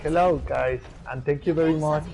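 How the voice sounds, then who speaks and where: A man's voice: fairly high pitch, steady tone, normal speed, low-quality recording. A man gaming and giving casual commentary to the other players as he plays. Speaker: gamer. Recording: clear game noise behind voice.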